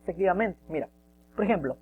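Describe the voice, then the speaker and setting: A man's voice: sits high, animated, fast talker, narrow, tinny audio, slight background noise. A man teaching a casual spoken lesson, explaining step by step and often checking in with the listener.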